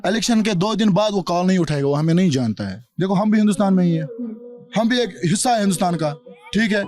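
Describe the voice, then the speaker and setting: A man's voice: high voice, lively intonation, fast, a little mellow. A man from Kashmir answering a street interview bluntly and defiantly. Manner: blunt, defiant, repeats himself. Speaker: local resident.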